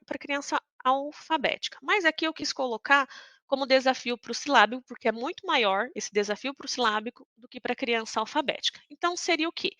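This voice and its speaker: A woman's voice: fairly high pitch, bright, forceful tone, no room sound. A woman from Brazil who teaches reading and writing, explaining step by step and often checking in with her listeners. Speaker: literacy teacher. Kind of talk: teaching lesson.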